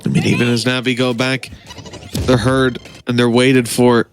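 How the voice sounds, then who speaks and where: A man's voice: mid-range voice, level tone, normal speed. A man giving live esports match commentary and analysis as a caster, with game sounds audible behind him. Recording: clear game noise behind the voice.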